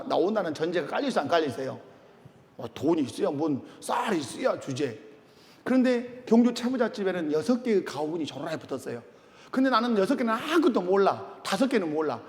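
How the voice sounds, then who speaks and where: A middle-aged man preaching a sermon in a church, calling out questions to the congregation. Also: high voice. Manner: animated, calls out questions to congregation. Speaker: pastor. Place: church sanctuary. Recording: long church reverb.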